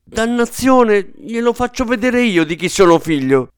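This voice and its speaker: A man reading aloud and voicing a pompous, indignant old general stuck in a boy's body, in a shrill falsetto. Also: big pitch swings, measured pace, no echo, clean studio sound. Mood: furious.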